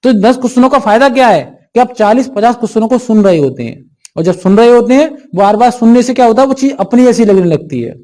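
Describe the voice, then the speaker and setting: High-voiced man teaching an exam class. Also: animated, quick pace, warm tone. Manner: asks questions and answers them himself. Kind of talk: classroom lecture for exam prep.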